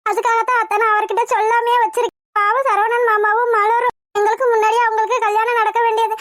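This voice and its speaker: Brief: a fretful young wife, very high voice, dry close recording. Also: a bit bright, no echo. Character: worried young pregnant wife. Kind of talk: cartoon voice acting.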